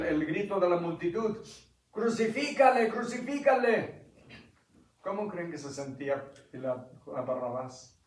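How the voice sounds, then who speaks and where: A man preaching an impassioned sermon, quizzing the congregation and building to loud climaxes. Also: a little high. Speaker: pastor. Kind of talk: sermon with Bible reading. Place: church sanctuary. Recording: echoey church, mic at a distance.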